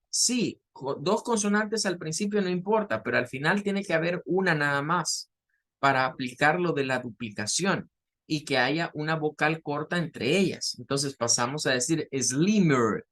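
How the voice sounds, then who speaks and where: A man's voice: on the high side, expressive, unhurried, a bit bright. A man, teaching an English class, explaining patiently with repetitions and fillers. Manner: patient, repeats words and fillers while explaining.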